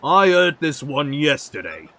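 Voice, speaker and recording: A man voicing a gruff, blunt male sailor working on a ship. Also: a little high, very animated, a little slow, sharp tone, voice pushed up, heavily acted.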